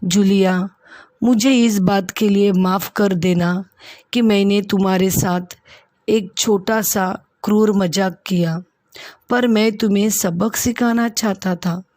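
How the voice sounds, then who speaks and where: A woman's voice: a little high, lively intonation, slow, no echo, clean studio sound. A woman voicing a stern, stingy male householder who questions and scolds sharply as he settles wages. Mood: gentle.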